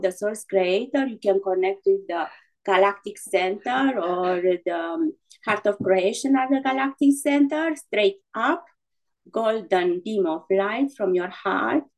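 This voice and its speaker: Female guided meditation voice in a sleep story narrator manner: very unhurried, medium pitch, soothing, halting, improvised. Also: low-quality recording. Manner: soothing, halting delivery with gentle instructions and repeated breathing cues.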